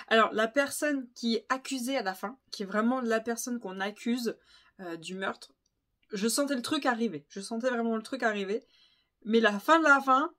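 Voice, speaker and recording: A woman's voice: a little high, fairly bright tone. A woman vlogger chatting casually about books she has read, enthusiastic and full of fillers and repeats. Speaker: book vlogger. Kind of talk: casual book review chat.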